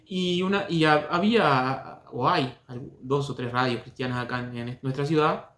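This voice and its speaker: A man hosting a commentary video, speaking calmly with frequent hesitations while telling his own story. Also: medium pitch, moderate pace. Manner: hesitant, many fillers and restarts, calm. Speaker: host commenting on testimonies. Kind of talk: critical commentary and personal story. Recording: echoey room.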